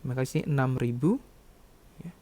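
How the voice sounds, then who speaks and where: Speaking a little fast in a mellow, mid-range voice, a man lectures on accounting. His teaching is instructional and methodical, with short check-in words sprinkled in again and again.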